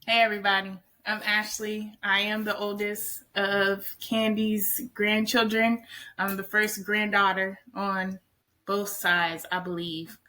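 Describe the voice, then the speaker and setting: A young woman in her twenties with a bright, forceful tone, chatting as a guest. She speaks easily and casually, often dropping in "like" as she tells her story. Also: mid-range voice, flat delivery, slow. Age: 20s. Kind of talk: casual conversation.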